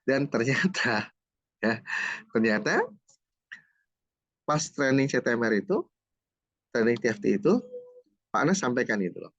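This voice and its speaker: A man's voice: mid-range voice, sing-song, a little slow, long pauses, fairly bright tone, no echo. A middle-aged man from Jakarta giving a personal testimony as an interview guest. He tells his story in a storytelling way and acts out the dialogue, tagging his lines with little asides. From Jakarta, Indonesia. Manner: storytelling, acts out dialogue, many "gitu kan" tags. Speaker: guest, certified trainer.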